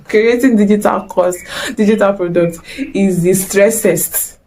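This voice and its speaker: Taking her time, a young woman vlogger with a mid-range, darkish voice and a Nigerian accent delivers a motivational talk straight to camera. Her tone is chatty and exclamatory, with Nigerian slang woven throughout.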